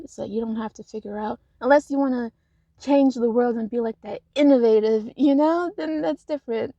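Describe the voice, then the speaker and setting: A woman's voice: a little high, gravelly, dark tone, breathy edge, no echo, dull audio. A woman vlogging casual life advice from her parked car, rambling with lots of fillers and frequent laughs.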